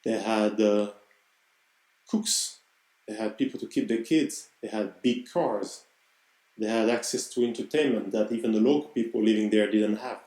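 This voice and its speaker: A man's voice: on the low side, moderate pace, dark tone. A man in his thirties from Cameroon hosting a podcast, talking earnestly and reflectively in a personal monologue and searching for his words. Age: 30s. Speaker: podcast host. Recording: roomy, echoey room.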